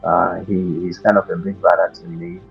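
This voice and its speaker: A man's voice: low-pitched, little pitch movement, normal speed, vocal fry, muffled recording, faint music behind. A man in his twenties from Ghana with a Ghanaian accent, a guest telling his story with many fillers and restarts. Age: 20s. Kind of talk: casual interview.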